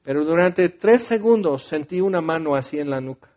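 A middle-aged man with a Mexican Spanish accent preaches a heartfelt personal testimony sermon in a conversational way, often restarting his sentences. His voice is fairly high and a little mellow, with lively intonation and a moderate pace.

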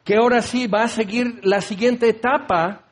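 Brief: high-pitched male preacher, animated and joking sermon. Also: normal speed. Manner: animated and humorous, acting out scenes.

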